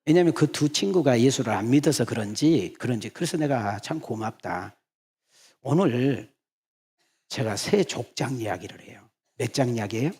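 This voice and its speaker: A man preaching as senior pastor, telling stories and calling out to the congregation in a lively way. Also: mid-range voice, normal speed, husky. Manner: animated, calls out to the congregation and acts out quoted lines. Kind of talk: sermon with storytelling. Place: church sanctuary.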